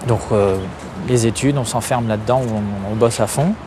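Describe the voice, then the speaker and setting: Here the activist from Algeria has a warm, fairly low voice at a moderate pace, with soft music playing behind him. He answers the interviewer's questions frankly, though he often stalls on fillers and restarts.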